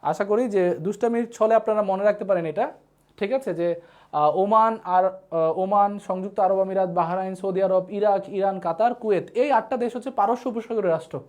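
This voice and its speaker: A woman's voice: medium pitch, brisk, a little mellow. A woman teaching a live online geography lesson, often checking whether the students have understood and giving them playful memory tricks. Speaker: online tutor.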